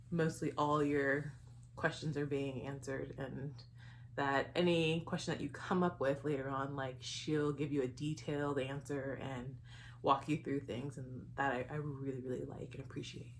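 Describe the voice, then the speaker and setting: Breathless young woman, low-pitched and chatty. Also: slight background noise. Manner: chatty, giggly, with many ums. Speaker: vlogger. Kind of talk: casual pregnancy vlog.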